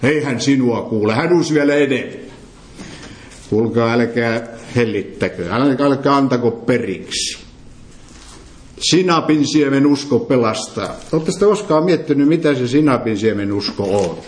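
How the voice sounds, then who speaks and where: A man's voice: mid-range voice, expressive. Man preaching in an echoey hall. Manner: quizzes the listeners with questions, emphatic. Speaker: preacher leading a Bible study. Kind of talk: interactive sermon. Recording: roomy echo.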